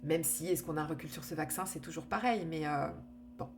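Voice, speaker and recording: A woman's voice: low-pitched, brisk, background noise. A woman telling her own story in a candid, conversational way, full of fillers and restarts. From France. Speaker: storyteller sharing her cancer experience. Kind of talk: casual personal testimony.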